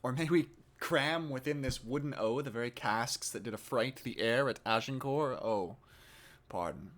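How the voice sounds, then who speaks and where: A man's voice: mid-range voice, moderate pace, a bit bright, lightly acted. A man declaiming as a grand stage chorus narrator. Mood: humble, coaxing. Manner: declamatory, stretched out, swelling emphasis. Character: theatrical male chorus narrator of a history play. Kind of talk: Shakespeare monologue rehearsal.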